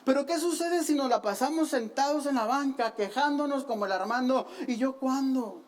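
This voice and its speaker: Woman preacher with a fairly high voice, animated storytelling with teasing asides. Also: brisk. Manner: animated storytelling, acting out the quoted lines; playful, self-mocking asides. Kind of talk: sermon.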